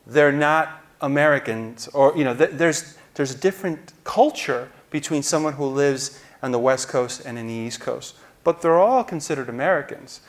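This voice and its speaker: A man's voice: medium pitch, normal speed, few pauses. A man in his forties from New Jersey, answering as a journalist on a stage panel, explaining at length and gesturing as he talks, into a lapel mic. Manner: explanatory, gestures while talking. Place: auditorium stage.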